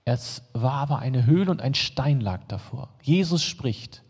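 A man's voice: medium pitch, lively intonation, unhurried, darkish tone, breathy edge, long reverb tail. A man preaching a sermon, reading scripture aloud and breaking off to explain it in casual, plain words to his congregation. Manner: reads the text, then adds casual plain-spoken asides to the congregation.

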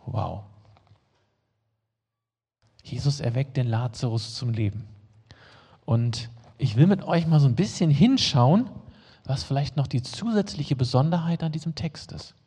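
Husky-voiced male preacher in a reverberant hall. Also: mid-range voice, animated, a little slow, long pauses, dark tone. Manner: reads the text, then adds casual plain-spoken asides to the congregation. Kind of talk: sermon, reading scripture aloud and explaining it.

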